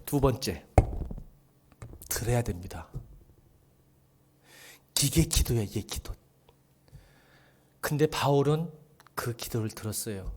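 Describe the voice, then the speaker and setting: Animated pastor with a lively voice. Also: male voice, mid-range voice, slow pace, long pauses, breathy edge. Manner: animated, joking with the congregation, bursts into shouting. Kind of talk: sermon. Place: church sanctuary.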